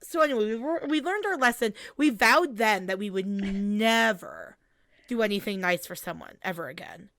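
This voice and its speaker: A woman in her late twenties co-hosting a casual podcast, chatty and quick to laugh. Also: medium pitch, expressive, a bit bright, dry recording, studio quality. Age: late 20s. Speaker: podcast co-host. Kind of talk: casual chat.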